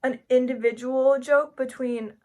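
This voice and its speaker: A young woman talks through a class presentation in a loose, chatty way, dropping "like" into nearly every sentence. Her voice sits a little higher than most women's. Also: fairly even intonation, a little slow, mellow. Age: young adult. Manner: frequent "like" fillers, chatty and informal. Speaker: psychology student.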